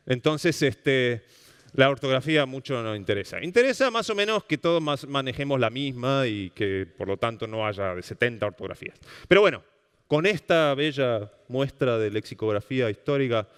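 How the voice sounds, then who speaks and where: A man's voice: mid-range voice, normal speed, clear, resonant tone. Argentine man lecturing in a hall. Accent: Rioplatense Spanish. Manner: animated, questioning the audience often. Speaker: speaker giving a public talk on language. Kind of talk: public lecture. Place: lecture hall at a cultural center. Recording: long reverb of a hall.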